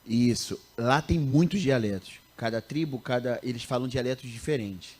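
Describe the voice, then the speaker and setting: A man in his thirties from Rio de Janeiro with a Carioca Brazilian accent, a missionary teacher telling stories in a casual interview, animated and often breaking off mid-sentence. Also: mid-range voice, normal speed. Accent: Carioca Brazilian Portuguese. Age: 30s. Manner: animated, self-interrupting, laughs at own stories.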